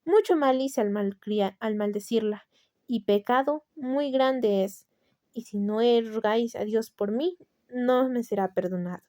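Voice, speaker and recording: A woman's voice: a little high, measured pace, a little mellow, close to an everyday voice. A woman with a Latin American Spanish accent voicing a dying male sinner who feigns tearful, humble piety in a storybook reading. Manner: tearful, pleading, feigned humility. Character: dying male sinner, false pious penitent.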